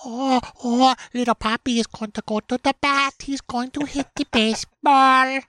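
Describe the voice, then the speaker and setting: A man putting on a put-on Irish accent as an excitable baseball onlooker, with high, excited sing-song commentary. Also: moderate pace, no room sound.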